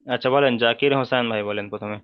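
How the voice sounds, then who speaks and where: A man's voice: mid-range voice, steady tone, fast, clean tone, no echo, dull audio. A man teaching a Quran reading class online, with a Bengali accent, patiently repeating rules and checking that students follow.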